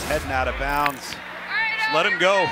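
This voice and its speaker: A man's voice: on the high side, moderate pace. A man giving analytical live football commentary as a colour commentator. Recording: loud stadium crowd and noise.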